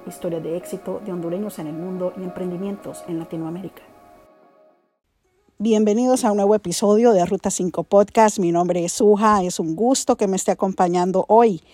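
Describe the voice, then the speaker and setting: A woman's voice: fairly low pitch, mellow. A woman hosting a podcast, reading a scripted intro and asking questions in a polite, formal manner. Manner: formal, polite, uses usted. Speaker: podcast host.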